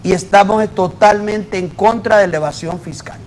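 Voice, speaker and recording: A man's voice: sits high, normal speed, a little hiss or hum, poor audio. A man, a guest auditor explaining his point emphatically in an interview, working through examples. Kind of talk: debate in a TV interview.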